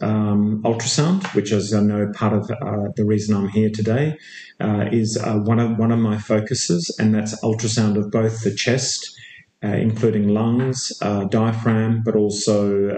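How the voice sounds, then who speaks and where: Low-voiced man in an echoey room. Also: little pitch movement, mellow. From Australia. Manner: measured, explanatory, with frequent fillers. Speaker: intensive care physiotherapist and researcher. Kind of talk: interview guest.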